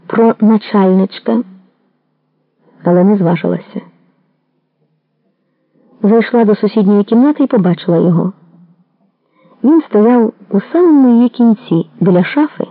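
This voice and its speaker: Measured narrator on a thin radio line. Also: medium pitch, no room sound, narrow, tinny audio. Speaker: audiobook narrator. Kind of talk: literary audiobook reading.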